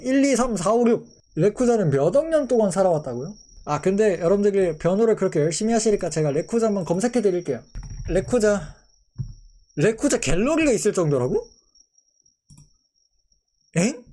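A man's voice: sits high, dark tone. A young man in his twenties, a streamer chatting casually with his viewers, playful and mock-outraged.

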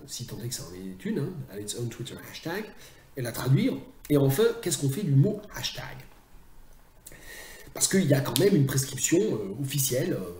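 A man's voice: mid-range voice, dark tone, echoey room. A man teaching translation in a recorded video lecture, chatty and self-mocking, often drifting into asides.

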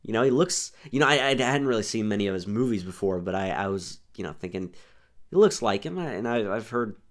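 A young man talks through a casual podcast chat, circling back with "here's the thing" and restarting sentences. His voice sits a little low. It keeps an easy, conversational flow. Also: expressive, a little fast. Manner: rambling, restarts often, says "here's the thing". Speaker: podcast host.

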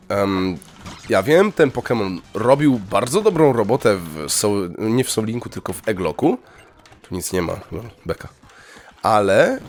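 A young let's play gamer gives chatty, excitable commentary on his gameplay, breaking into sudden high yelps whenever something thrills him.

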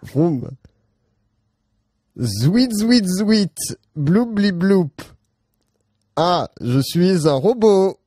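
A man's voice: sits high, expressive, extremely slow, pauses often, warm tone, husky, dry recording, pitched above the performer's own voice, full character voice. A male host putting on a silly robot voice, making playful engine and bleep noises to close the show. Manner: playful sound effects, bleeps and vroom noises.

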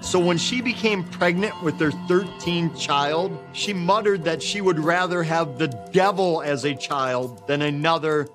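A man's voice: a little high, unhurried, few pauses. A middle-aged man giving storytelling commentary in a studio documentary interview. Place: indoor studio. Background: music.

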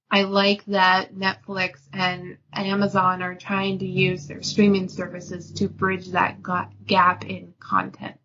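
A woman's voice: medium pitch, pushed and bright. A woman hosting a podcast in casual chat, giggly and chatty, often laughing. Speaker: podcast host. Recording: dull lo-fi podcast audio.

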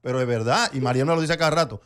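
A Dominican man in his fifties, a talk-show co-host, telling animated stories in casual comedic banter and acting out the people he quotes. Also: medium pitch, very fast. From Dominican Republic. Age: 50s. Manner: animated storyteller, acts out quoted people, laughs often.

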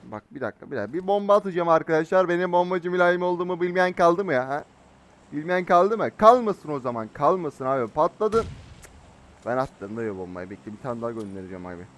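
A man giving live gameplay commentary as a mobile game streamer, excitable and teasing in slangy banter. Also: on the high side, quick pace. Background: faint game gunfire.

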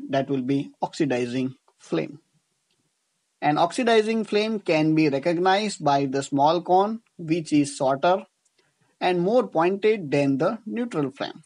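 Speaking with an Indian accent, an engineering teacher reads scripted tutorial narration over slides, explaining carefully and restating ideas in other words. His voice is a little high and a little mellow.

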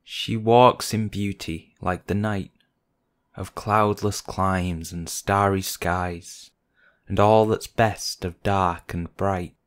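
A man reading a romantic poem aloud in a measured, deliberate recitation, pausing between phrases. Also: low-pitched. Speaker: poetry reader. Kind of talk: slow recitation of a love poem.

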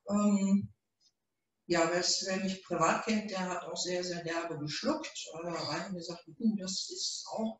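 A middle-aged woman, the author, hosting a reading and chatting casually with many fillers, recorded from a far camera in a small room. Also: mid-range voice. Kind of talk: casual event introduction. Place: small event room, indoors. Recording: roomy echo, mic far off.

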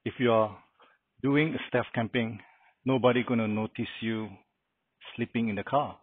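A middle-aged man casually walks through his car camping setup in an outdoor carport beside a house, explaining things plainly with lots of "uh" fillers. His medium-pitched voice is steady, slightly rough and at normal speed. The how-to walkthrough sounds dry and narrow, like a phone, with no room sound.

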